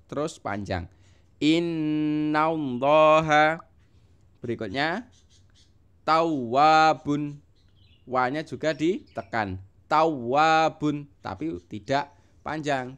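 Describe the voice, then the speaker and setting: A man's voice: medium pitch, lively intonation, slow pace, a bit bright. A man teaching children to recite a religious text, spelling out each word, stressing its sounds and repeating it. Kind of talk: slow recitation lesson for children.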